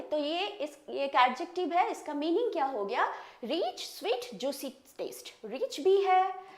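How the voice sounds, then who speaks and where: An Indian woman teaches English vocabulary, mixing explanation with slow, careful model pronunciations. Her voice sits high and moves a great deal. The room behind her gives the sound a noticeable echo. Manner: repeats words slowly to model pronunciation. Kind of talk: bilingual classroom lesson, explaining word meanings. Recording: echoey room.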